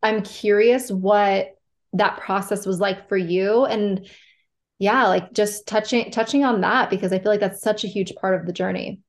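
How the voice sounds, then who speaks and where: A woman's voice: mid-range voice, steady tone, normal speed. A woman hosting a casual podcast interview, chatty and curious as she asks about her guest's experience. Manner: chatty and curious, with fillers and restarts. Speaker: podcast host.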